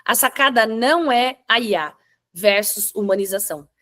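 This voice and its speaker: A woman's voice: a little high, expressive, moderate pace, fairly bright tone. A woman hosting an online webinar, explaining step by step and checking in with her listeners. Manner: explanatory, with frequent "tá?" check-ins and restarts. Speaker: webinar host.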